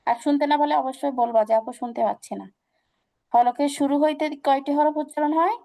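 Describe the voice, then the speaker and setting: A woman. She goes slowly, repeating each example and quizzing her students. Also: sits high, warm tone. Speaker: Quran recitation teacher. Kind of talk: online class instruction.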